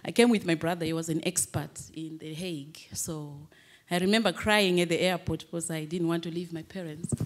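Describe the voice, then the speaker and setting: A woman's voice: lowish voice, steady tone, fairly quick. Give me a chatty woman from Zimbabwe telling a long personal story at a panel. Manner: chatty, laughs often, rambling. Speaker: audience member. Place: large hall with an audience. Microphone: handheld microphone.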